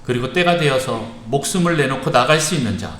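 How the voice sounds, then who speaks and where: In an echoey church sanctuary, a male pastor delivers an evening sermon with earnest emphasis, pausing often between phrases. His middle-pitched voice is a bit bright and sing-song, with a faint hiss under the room's echo.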